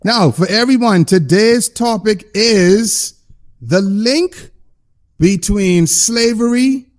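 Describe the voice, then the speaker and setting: A man hosts a casual podcast chat with a playful, animated delivery. His voice sits high for a man, and he stretches key words out for emphasis. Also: slow pace. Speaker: podcast host.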